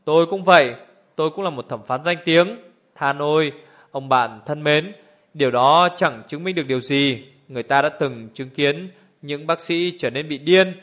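A man voicing an elderly male judge who speaks in a cold, clear, measured way, on a dull lo-fi recording. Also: on the high side, a bit bright, close to an everyday voice. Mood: cold, deliberate. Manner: measured, icy authority.

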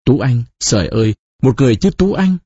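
A husky-voiced man playing a jealous young lover who shouts and bites off each word in an audiobook. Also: mid-range voice, expressive, fairly quick, no echo, dull audio. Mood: anguished. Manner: shouting, spitting each word, teeth gritted. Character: young man, jealous and furious, then despairing.

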